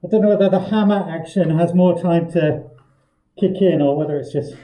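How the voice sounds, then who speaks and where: A man's voice: fairly high pitch, brisk, dark tone. A man vlogging his home renovation, out of breath and sweating between bouts of demolition work. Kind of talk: casual vlog commentary. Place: indoor room under renovation. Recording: echoey bare room.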